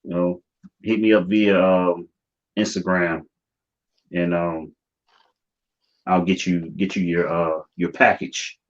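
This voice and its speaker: Hosting a YouTube livestream, an American man talks informally in slang, his low voice moving little in pitch at a slow pace with long pauses. The audio is dull and lo-fi.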